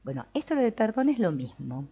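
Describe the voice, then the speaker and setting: A middle-aged woman with a Rioplatense Spanish accent giving an informal spiritual talk, animated and colloquial, acting out quoted voices for humor. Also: mid-range voice, brisk, slightly rough. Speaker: spiritual teacher. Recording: dull lo-fi recording.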